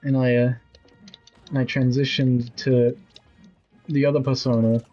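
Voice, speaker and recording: A man's voice: medium pitch, flat delivery, unhurried, warm tone, muffled recording, soft background music. A man in his twenties streaming a video game, talking casually with blunt, rambling commentary and casual swearing. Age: 20s.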